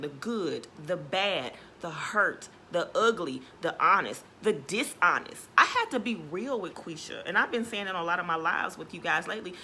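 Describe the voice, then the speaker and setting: A woman's voice: mid-range voice, pushed and bright, slight background noise. A woman giving an earnest, casual motivational talk on a live stream. She often asks viewers "right?" and greets them by name between points. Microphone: phone or webcam for a social media live video.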